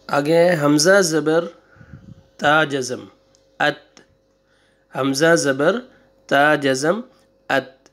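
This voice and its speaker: A man with a Pakistani Urdu accent and a slightly high voice teaches Quran reading. He stretches each syllable slowly and patiently, then rattles off short explanations in between. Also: fairly bright tone. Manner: slow, drawn-out drilling of syllables with quick asides. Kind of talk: online recitation lesson.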